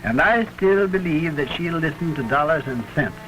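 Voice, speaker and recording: Determined banker father played by a man, early talkie style: fairly high voice, formal diction, old film sound, faint music. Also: lively intonation, moderate pace, natural voice. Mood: insistent. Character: dignified, determined middle-aged father, a wealthy banker. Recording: crackly 1929 film soundtrack.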